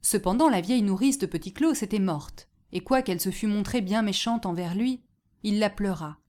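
A woman narrating a fairy tale in an expressive storytelling manner. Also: mid-range voice, normal speed.

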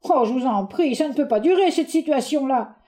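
A woman's voice: high voice, lively intonation, a little fast, dark tone, voice pushed up. A woman reading a stage play aloud, voicing a timid, frightened man who pleads in a panicky way. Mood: pleading.

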